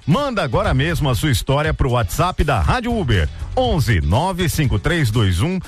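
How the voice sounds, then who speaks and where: A man's voice: fairly high pitch, wildly swooping pitch, moderate pace, faint music behind. A man presenting a scripted radio segment, reading out questions and announcements as the host.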